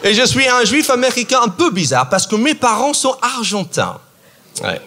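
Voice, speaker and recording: A man from New York doing a stand-up comedy set in French with an American accent, animated and mock-outraged, with sudden shouts and sing-song asides. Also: very high voice, moderate pace, a little hiss or hum. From New York, USA. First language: English. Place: theater stage.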